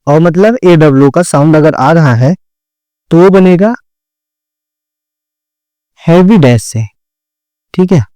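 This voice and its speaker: A man teaching shorthand step by step, patient and slow, repeating each word and checking that his students understand. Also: on the high side, mellow, smooth, no echo. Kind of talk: step-by-step classroom explanation.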